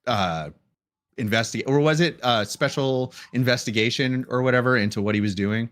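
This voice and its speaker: A man's voice: medium pitch, moderate pace, a bit bright. A man co-hosting a political livestream, chatty and joking, drifting off topic. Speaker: livestream co-host. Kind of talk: casual political chat.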